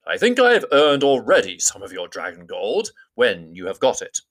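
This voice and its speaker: A man's voice: medium pitch, wildly swooping pitch, normal speed, fairly bright tone. A man doing a grand old wizard. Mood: grave. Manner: grand, formal speech. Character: old male wizard, wise and commanding.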